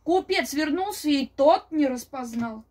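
A high-voiced woman reads a fairy tale in a grandma-like storytelling manner, unhurried and expressive. She speaks to children with deliberate, sing-song phrasing, picked up by a mic some distance away. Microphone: camera a few steps away. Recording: distant phone or camera mic.

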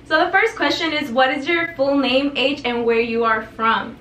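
With a high-pitched, bright and forceful voice at a moderate pace, a Spanish-speaking teen vlogger raised in Juarez and from El Paso, Texas, talks casually to camera. She's bubbly and talkative, gesturing a lot in her indoor bedroom with its tapestry backdrop. The recording is echoey, the mic a bit distant, with slight background noise.

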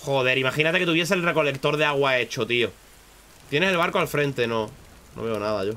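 A man giving casual, swear-heavy live commentary on a game, breaking into loud high shouts when startled. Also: brisk, a little hiss or hum. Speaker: streamer.

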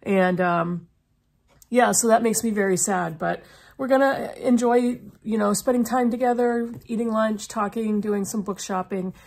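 A middle-aged woman talks casually to the camera as a book vlogger in a small indoor room lined with bookshelves. Her medium-pitched voice is unhurried and creaky with a darkish tone, and a lingering cough makes it slightly froggy.

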